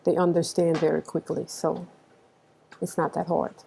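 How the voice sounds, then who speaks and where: A woman's voice: on the low side, level tone, moderate pace, gravelly, warm tone. A middle-aged woman, a teacher giving interview answers. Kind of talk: interview talk.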